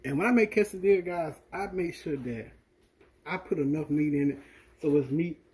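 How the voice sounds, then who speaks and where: Southern man hosting a home cooking video; relaxed and mellow, slightly high. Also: normal speed, slight background noise, poor audio. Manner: relaxed, talks straight to viewers. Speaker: cooking vlog host. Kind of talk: casual cooking demonstration. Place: home kitchen at the stove.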